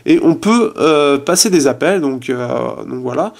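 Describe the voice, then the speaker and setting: This fairly high-pitched man speaks unhurriedly with lively intonation as he reviews a phone at home. The tech reviewer chats along, packs his speech with fillers, and drifts off mid-thought while testing things, his apartment room resonant around him.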